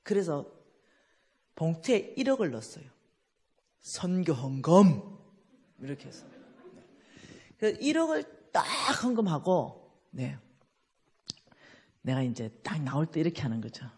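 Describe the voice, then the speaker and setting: Female preacher, Gyeongsang accent, husky, very lively pitch, acts out her story. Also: measured pace, long pauses, big-room sound. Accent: Gyeongsang Korean. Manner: animated storytelling, acting out dialogue. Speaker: church finance speaker. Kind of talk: lively testimony sermon.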